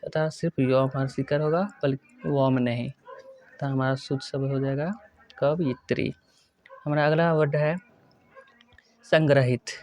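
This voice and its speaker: A male teacher giving a spelling lesson, working through words one by one and repeating each correct form slowly. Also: on the high side, darkish tone, dry recording. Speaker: Hindi grammar teacher. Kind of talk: exam-prep lesson.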